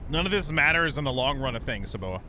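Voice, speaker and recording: A male streamer giving casual, playful commentary while he plays. His voice is bright and swoops around a lot. Faint noise sits under the headset mic. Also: mid-range voice, quick pace. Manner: playful, jokey, animated.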